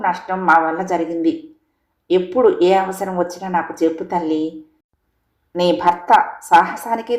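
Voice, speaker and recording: A grateful old father's letter, read aloud by a woman storyteller, solemn and formal, in an audio storybook. Her voice stays a little low. A roomy echo surrounds it. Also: lightly acted. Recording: echoey room.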